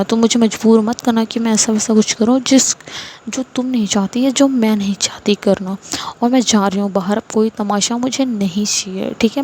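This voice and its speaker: A woman's voice: medium pitch, darkish tone, slight background noise, close to an everyday voice. A woman voicing a strict, angry middle-aged mother who scolds and lectures her daughter. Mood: threatening.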